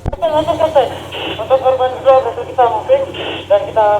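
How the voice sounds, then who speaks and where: A man's voice comes through a handheld two-way radio, reporting in clipped protocol to his captain. His pitch sits very high, and the transmission is echoey, with heavy noise around it. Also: fast talker, dull audio. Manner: clipped radio protocol, calls "Kapten" at every turn. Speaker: firefighter team member in a drill. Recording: echoey, noisy field radio.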